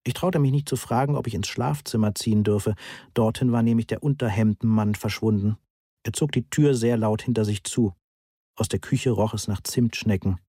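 Low, husky male audiobook narrator. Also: moderate pace, warm tone, no room sound, clean studio sound. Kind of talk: scripted first-person narration.

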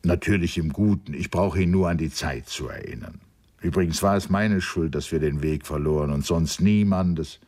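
A man with a husky voice reading a grieving young man's formal lament over a dead friend in a storybook. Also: sits low, moderate pace, a little mellow. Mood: calm. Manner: sobbing lament, solemn and formal.

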